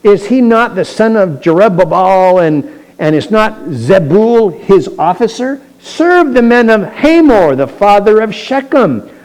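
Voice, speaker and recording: Brief: defiant boastful rebel man, read aloud by a pastor, raised declaiming voice, mellow tone. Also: high voice, very animated, unhurried, pitched above the performer's own voice, low-quality recording.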